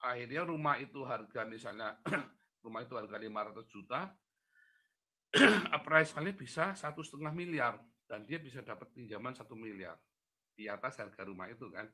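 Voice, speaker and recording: Male preacher, lively storyteller doing quick character voices, medium pitch, dry booth-like sound. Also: dry recording. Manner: animated storytelling, acting out voices of people and God. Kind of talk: sermon-style Q&A teaching.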